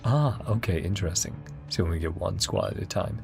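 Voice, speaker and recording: A deep-voiced man streams gameplay, reacting casually and playfully to a story quest and reading game text aloud, with muttered asides and short exclamations. He talks fast, his voice creaky and a little mellow, over soft background music.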